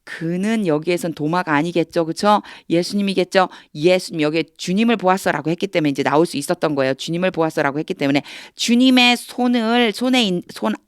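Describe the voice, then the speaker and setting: A woman's voice: on the low side, fast, few pauses, no room sound, studio quality. A woman teaching English through Bible reading, explaining each phrase patiently and repeating words to drill pronunciation.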